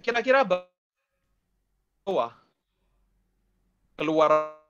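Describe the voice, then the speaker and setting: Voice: mid-range voice, expressive, extremely slow, a bit bright, dull audio. A teacher speaking to an online class from a laptop, with choppy audio that keeps cutting out. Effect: choppy, breaking-up online call audio. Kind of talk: explaining a concept to an online class. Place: online call. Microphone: laptop on a video call.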